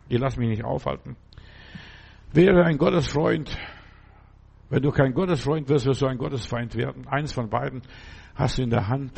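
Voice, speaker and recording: A man's voice: medium pitch, vocal fry, a little mellow, breathy edge. A man preaching a sermon, pressing his listeners with urgent, repeated exhortations.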